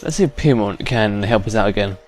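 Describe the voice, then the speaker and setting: A British man provides casual let's-play commentary as he plays a video game, hosting a gaming video. His voice sits fairly low and moves a little quickly, with faint music in the background.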